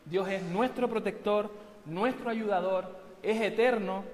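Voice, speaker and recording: A man's voice: high-pitched, measured pace. A male pastor giving a sermon, telling a story with joking asides. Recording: echoey church hall.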